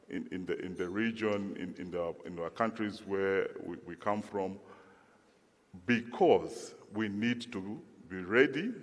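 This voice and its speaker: A middle-aged man from Zambia giving a measured conference speech, often restarting and repeating words. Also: lowish voice. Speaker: conference speaker, former lawyers' association president. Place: large conference hall. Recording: long hall reverb.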